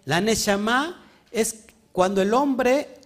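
Animated man preaching. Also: high-pitched, slow pace. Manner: animated, asks the congregation questions often. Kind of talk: sermon teaching.

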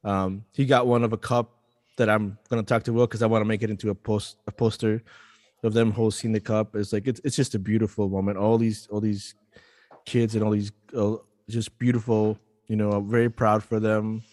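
A man co-hosting a casual podcast, an animated storyteller who rambles and restarts his sentences. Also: on the low side, brisk, no room sound, studio quality, big-room sound. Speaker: podcast co-host.

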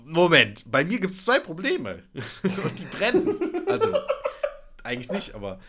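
Over crowd noise, a man with a high-sitting voice speaks unhurriedly. As a podcast co-host he relays a casual anecdote, performing his own reactions animatedly with plenty of laughter.

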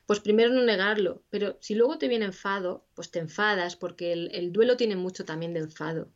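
Woman, interview guest, expressive explainer, slightly muffled recording. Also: mid-range voice, brisk. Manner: animated, acts out quoted inner voices. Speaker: interview guest, grief specialist. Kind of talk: conversational explanation.

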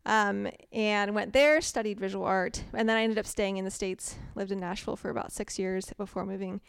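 A young woman talks through her background in an easy, chatty way, laughing often. Her voice is smooth yet slightly gravelly. The sound is close and dry. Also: medium pitch, fairly even intonation, a little fast, no room sound. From grew up in Morocco and Ontario. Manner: chatty, laughs easily, many ums. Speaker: podcast guest, artist. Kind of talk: casual interview chat.

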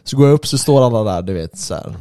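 A young man, co-hosting a casual podcast. He mostly listens, chiming in with short reactions and teasing comments. His mid-pitched voice sounds dry and close to the mic. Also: expressive, warm tone, smooth, no room sound. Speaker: podcast co-host. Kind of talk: casual chat.

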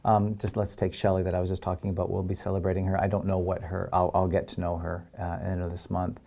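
A man with a very low, mellow voice gives considered interview answers. He explains things in a measured way, pausing often and leaning on key words, with a fairly even melody. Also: gravelly. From Canada.

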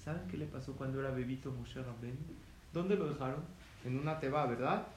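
A man's voice: mid-range voice, a little fast. A man giving a religious lesson in story form, asking his listeners questions and acting out the quotes. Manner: asks the audience questions, acts out quotes. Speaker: rabbi teaching a lesson. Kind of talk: sermon-style storytelling lesson. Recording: echoey room with faint ambient noise.

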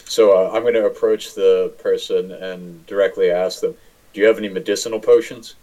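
A man playing a tabletop role-playing game, speaking casually and politely in a measured way. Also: deep voice, fairly even intonation, dark tone. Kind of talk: casual in-character role-play.

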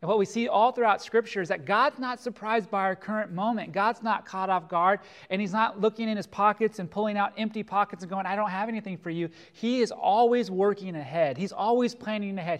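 A middle-aged man from California preaching a sermon as pastor, earnest and slowing down to stress key phrases. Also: high voice.

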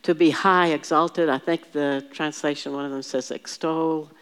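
A woman's voice: deep voice, fairly even intonation, normal speed, clean tone. Woman patiently teaching a Bible class. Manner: patient, explains word by word, leads the group in repeating terms; thinks aloud with frequent restarts and fillers.

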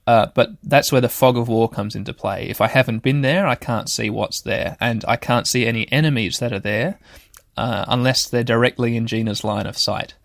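Man, mid-range voice, dry close sound, casual let's play commentary, halting, rambling, thinking aloud. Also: mid-range voice, vocal fry, no room sound. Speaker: host of a gaming show. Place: shed.

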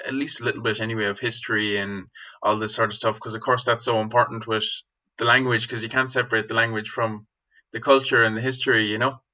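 A man's voice: on the low side, level tone, fast talker, bright, forceful tone. A young man from Galway with a west of Ireland accent, answering interview questions as a student guest in a hesitant, informal way. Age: young adult.

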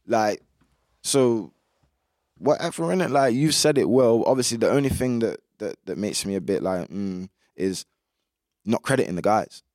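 Young male music artist, British roadman accent and slang, lowish voice, dry recording, chatty and opinionated. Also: expressive, moderate pace, darkish tone, no room sound. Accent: British urban roadman. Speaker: music artist being interviewed. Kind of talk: casual interview chat.

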